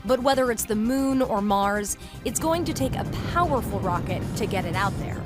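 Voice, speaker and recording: A woman correspondent giving scripted news narration in a measured, even delivery. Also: fairly high pitch. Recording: voice-over with loud background music.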